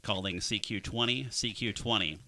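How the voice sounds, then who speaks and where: A man from Minnesota making a ham radio CQ call, slowly repeating a call sign in the phonetic alphabet. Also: lowish voice, pushed and bright, no echo. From Minnesota, USA. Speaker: ham radio operator hosting the stream. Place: home radio shack.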